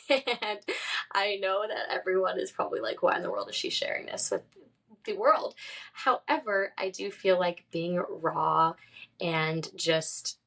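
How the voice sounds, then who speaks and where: A woman's voice: fairly low pitch, a bit bright. A young woman in her twenties from California, hosting a casual solo podcast, chatty and upbeat with a few laughs. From San Diego, California. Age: 20s. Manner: chatty and upbeat, laughs often, says "like" and "literally". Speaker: podcast host.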